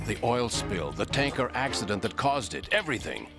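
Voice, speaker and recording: A low, composed informant. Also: male voice, big pitch swings, a little fast, music in the background. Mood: grave, revealing. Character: composed, serious male informant explaining secret plans. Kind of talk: dramatic video game exposition.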